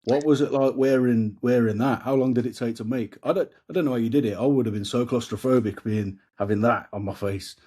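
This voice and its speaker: Bloke asking questions all excited and informal, warm dark tone. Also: male voice, mid-range voice, brisk, hardly any pauses, husky. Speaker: interviewer. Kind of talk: casual interview.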